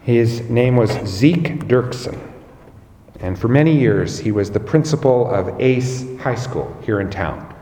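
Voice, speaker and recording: A man preaching a sermon as pastor, slow and measured, rising on key words. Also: mid-range voice, lively intonation, warm tone, roomy sound, in a large hall, a little hiss or hum.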